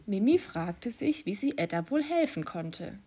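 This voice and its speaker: A woman narrating a children's story in an expressive, sing-song manner. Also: medium pitch, a little slow, breathy edge.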